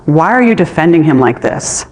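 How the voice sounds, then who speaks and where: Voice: mid-range voice, big pitch swings, normal speed, a little mellow, lightly acted. A storyteller voicing a spoiled young heir who pleads with his father in an aggrieved tone, recorded with long reverb.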